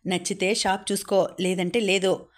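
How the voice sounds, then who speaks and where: A woman's voice: mid-range voice, little pitch movement, normal speed, natural voice. A woman voicing a harsh, domineering older father in a storybook reading, with curt commanding lines. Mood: stern.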